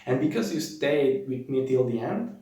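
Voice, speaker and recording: An online sales coach and video host speaks informally to camera, offering sales tips in a halting, repetitive way and often finishing points with "okay?" to check in. His mid-range voice is expressive with a dark tone. The mic sits at a distance in a very echoey, reverberant room.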